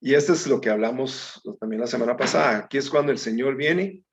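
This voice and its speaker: Gravelly guy teaching bible study, chatty, calls everyone brethren, muffled lo-fi sound. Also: mid-range voice, a little fast. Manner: conversational, addresses listeners as brethren; reads scripture aloud with small slips. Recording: dull lo-fi recording.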